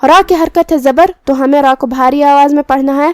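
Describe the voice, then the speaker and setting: A woman's voice: sits high, fairly even intonation, no room sound. A woman teaching a Quran recitation lesson, patiently explaining each pronunciation rule step by step.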